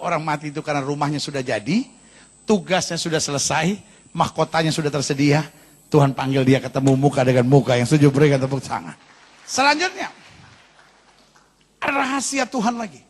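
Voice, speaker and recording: A man preaching as a pastor, lively and animated, tossing in English phrases and calling the congregation to applaud and say amen. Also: on the high side, a little fast, long pauses, husky. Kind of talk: sermon. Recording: long reverb of a large hall.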